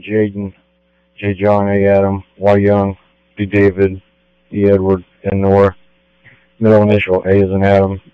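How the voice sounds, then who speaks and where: A man's voice: lowish voice, clear, resonant tone, no room sound. A man, a police officer, calling in over a police radio in a clipped procedural way, spelling names with the phonetic alphabet. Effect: police radio transmission. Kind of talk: radio call-in. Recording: dull, dry radio audio with mains hum.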